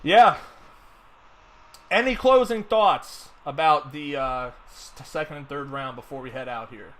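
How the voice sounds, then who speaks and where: A man hosts a casual fantasy football podcast, rambling with lots of fillers and restarts in relaxed sports chat. His voice is a little high, unhurried, and fairly bright.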